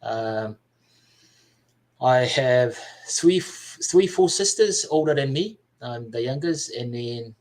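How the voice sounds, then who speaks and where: A man from Samoa, a podcast guest telling his life story in a casual chat, soft-spoken and halting, with many fillers and restarts. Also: mid-range voice, lively intonation, rough recording.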